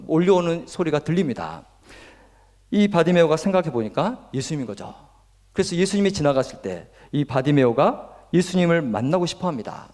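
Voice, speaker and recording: A male guest pastor delivering a sermon in a church sanctuary, telling the story with earnest emphasis. His voice sits a little high and swings widely in pitch. A long hall reverb trails after each phrase. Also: a little mellow.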